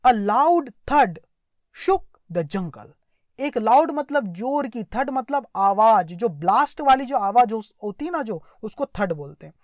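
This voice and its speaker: This is a woman teaching English through a story in an Indian accent, going line by line with translation and word meanings, repeating things, asking check questions, and reading slowly. Her voice is a little high, animated, and a little mellow, captured dry with clean studio sound.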